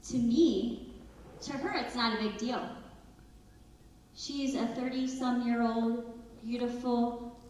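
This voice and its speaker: A woman in her thirties giving an earnest, conversational talk to parents at a school, sometimes acting out family conversations. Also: on the high side. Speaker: school presenter. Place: school auditorium. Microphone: far from the recording device. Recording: echoey hall, distant mic.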